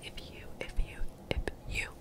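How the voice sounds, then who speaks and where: Young female, fully whispered ASMR, soothing and encouraging, repeats phrases, very close on the mic. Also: normal speed. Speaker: ASMR video creator. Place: small bedroom, indoors. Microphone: desktop condenser mic, very close.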